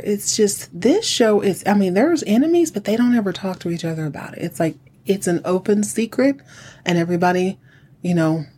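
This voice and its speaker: A middle-aged podcast host with a husky voice, chatting solo in a campy, sassy drag-queen manner, sounding like a woman. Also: medium pitch, dark tone. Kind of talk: chatty solo recap commentary.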